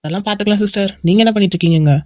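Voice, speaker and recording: A woman's voice: mid-range voice, racing, mellow, dry recording, natural voice. A woman voicing a breezy, teasing young man in an amateur cartoon. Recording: dull lo-fi recording.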